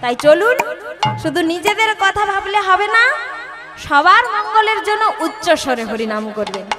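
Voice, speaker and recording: A woman's voice: extremely high pitch, lively intonation, normal speed. A woman kirtan singer preaching to a live audience on a stage mic, urging the crowd and calling them mothers and fathers in a sing-song cadence. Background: devotional music.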